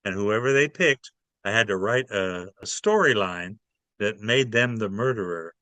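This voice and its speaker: A man's voice: fairly low pitch, expressive, moderate pace, pushed and bright, dry recording. A man, a playwright guest in an interview, telling stories animatedly and acting out his characters. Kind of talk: casual interview storytelling.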